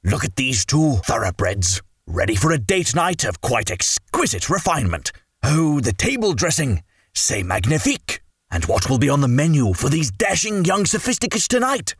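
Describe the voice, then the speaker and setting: A man delivers a mock-posh comic voice-over. His pitch swoops wildly, and his slightly husky voice sits dry and close to the mic. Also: sing-song, moderate pace, a bit bright, no room sound, distant mic. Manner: theatrical, mock-refined, swooping up in surprise. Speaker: comic narrator.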